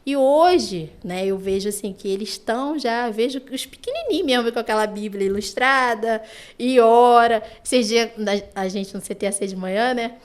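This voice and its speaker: A woman with a Brazilian Portuguese accent, a children's ministry teacher, chatting on a podcast and telling lively stories with lots of "né" and "sabe". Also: fairly high pitch, normal speed. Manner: animated storytelling, frequent "né" and "sabe". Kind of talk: casual podcast chat.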